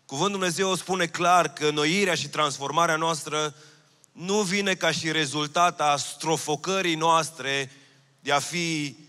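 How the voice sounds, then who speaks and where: A Romanian pastor in his thirties preaches from a church stage in a large hall, holding a handheld mic. His voice is fairly high, pushed and bright, and he speaks earnestly, repeating his key phrases. The recording carries a long hall reverb.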